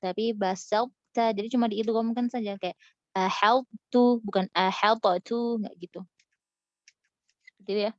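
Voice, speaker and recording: A woman's voice: medium pitch, fairly even intonation, mellow, dry recording. Indonesian woman teaching recitation, dull dry sound. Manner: explains patiently, slowly models recitation examples. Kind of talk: casual online tajwid lesson.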